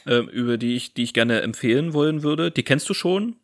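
A man from Saxony co-hosting a casual podcast, relaxed and hesitant with lots of fillers. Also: medium pitch, fairly quick, dry recording, clean studio sound. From Saxony, Germany. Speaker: podcast co-host. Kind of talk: casual chat.

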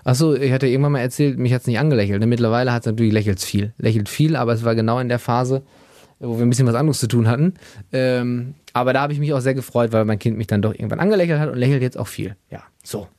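A man's voice: mid-range voice, fast talker, warm tone, no room sound, clean studio sound. A young man with a tired voice, rambling in a casual solo monologue as podcast host. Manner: chatty, rambling, self-amused, puts on silly baby-talk voices.

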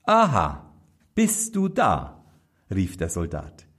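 A man's voice: deep voice, wildly swooping pitch, slow, a bit bright, slightly rough, exaggerated voice. Man doing a bossy vengeful soldier. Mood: commanding. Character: bitter discharged soldier, commanding and vengeful.

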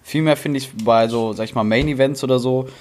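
A man's voice: mid-range voice, steady tone, brisk, darkish tone, slight background noise. A young man in casual chat among friends, explaining his views in loose, colloquial phrases.

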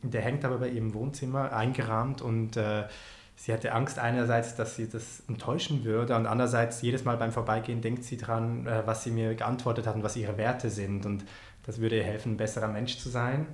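A man from Switzerland with a Swiss accent, a podcast guest telling stories in a relaxed way with many fillers. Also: mid-range voice, fairly quick. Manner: relaxed storytelling with frequent fillers. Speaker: podcast guest, performance artist. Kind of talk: casual conversation. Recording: roomy echo.

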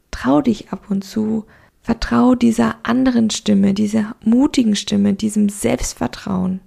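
Slow, gravelly woman storyteller. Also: mid-range voice. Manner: calm, gentle, encouraging. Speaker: podcast host and storyteller. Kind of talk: short story reading and motivational talk.

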